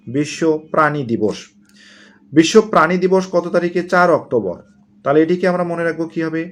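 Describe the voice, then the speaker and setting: Man teaching with rhetorical questions. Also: fairly high pitch. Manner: asks questions and answers them himself, repeats key points. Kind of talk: exam-prep lecture with memory tricks.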